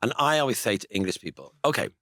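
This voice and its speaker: An Irish man in his fifties talks fast in casual chat, his voice sitting a little low. He tells stories with quick asides. The sound is dry and close. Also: lively intonation, no room sound. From Ireland. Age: 50s. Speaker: guest.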